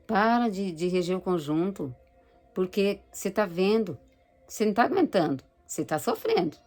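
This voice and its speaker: A woman's voice: medium pitch, sing-song, normal speed, a little mellow, soft background music. A woman voicing an insistent tempting devil who presses with mock concern, quoted in a personal testimony. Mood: pressing.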